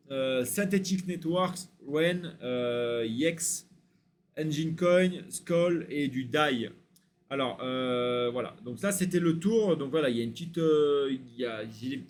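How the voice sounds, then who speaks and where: Chatty man rattling off lists. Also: a little high. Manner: chatty, many hesitation fillers, rattles off lists. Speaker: crypto YouTuber. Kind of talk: casual to-camera talk.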